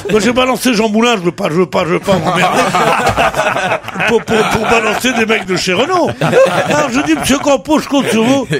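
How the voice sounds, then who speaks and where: An older man, a regular panelist on a radio talk show, tells an animated, colorful anecdote and acts out the lines of the people in it. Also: sits high, fairly quick, a loud crowd. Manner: colorful, boastful storytelling, acting out the others' lines. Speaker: regular panelist telling a story.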